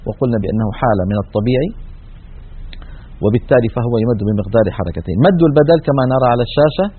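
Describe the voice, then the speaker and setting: A man teaching the rules of Quran recitation in a recorded lesson, explaining slowly and drawing out example words. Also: mid-range voice, husky. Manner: slow explanatory delivery, stretches example words. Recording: tinny narrow-band recording.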